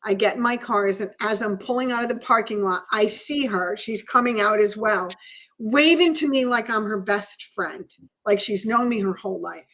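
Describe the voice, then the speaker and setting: A woman who is a podcast guest, telling a personal story in an earnest, emotional way with halting restarts. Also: mid-range voice, a bit bright.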